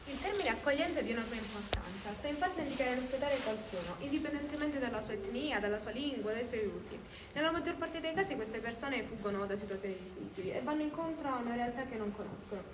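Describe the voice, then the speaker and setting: A young woman, a student, reading a prepared answer in an earnest, measured way. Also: a little high, animated. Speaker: student interviewee. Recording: roomy with background noise and distant mic.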